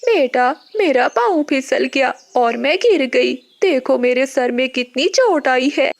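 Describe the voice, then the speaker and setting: A woman's voice: sits high, animated, takes it slowly, gravelly, no echo, heavily acted. A woman voicing a greedy, quarrelsome female crow landlady in a cartoon, scolding in a harsh, bossy way. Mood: wailing. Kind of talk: Hindi cartoon voice acting.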